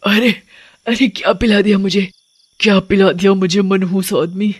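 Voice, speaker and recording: A woman voicing a menacing, cackling, drunken female witch in an animated horror story, drawing out her words slowly. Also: mid-range voice, crowd noise, lightly acted. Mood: shrieking pain. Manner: drawn-out chanting, cackles, shrieks in pain.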